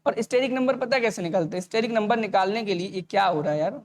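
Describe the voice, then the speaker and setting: Talking quickly and casually, a high-pitched man leads an online exam-prep lecture aimed directly at his students. His habit is to restate each point as a question and answer it himself.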